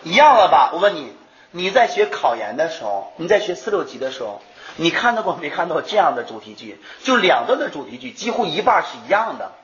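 A man teaching an English exam class in a lively lecture, firing rhetorical questions at the students and answering them himself. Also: on the high side, a little fast, crowd noise. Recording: echoey lo-fi room recording.

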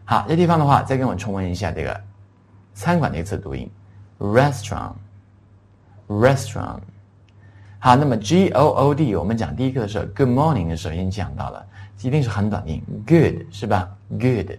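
A middle-aged man giving an English lesson, spelling words out letter by letter and repeating phrases slowly for students to follow. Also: on the low side, sing-song, darkish tone, breathy edge. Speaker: English teacher. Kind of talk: classroom language lesson.

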